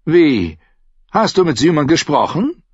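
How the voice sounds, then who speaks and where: A male audiobook reader voicing a sardonic, worried nobleman who speaks urgently in a raised, husky voice. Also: a little high, lively intonation, measured pace, no echo, voice pushed up. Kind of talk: audiobook character voice. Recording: dull lo-fi dry recording.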